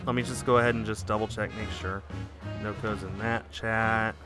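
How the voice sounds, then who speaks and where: A man's voice: fairly low pitch, little pitch movement, normal speed. A man giving casual live commentary on a game stream, thinking aloud and muttering as he works. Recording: loud game music behind.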